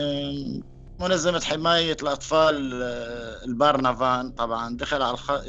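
Fast, halting Syrian-accented man. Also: mid-range voice, fairly bright tone, muffled recording. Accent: Syrian Arabic. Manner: halting, with frequent pauses and restarts. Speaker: interviewee. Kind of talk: personal testimony.

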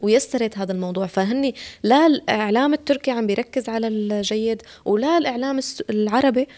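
A woman's voice: on the high side, fast talker, a little mellow. A woman, hosting a talk show, agreeing with the guest and restating his points.

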